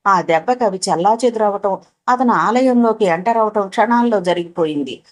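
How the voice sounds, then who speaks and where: Woman narrator, novel audiobook, dramatic expressive reading, middle pitch. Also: normal speed, low-quality recording.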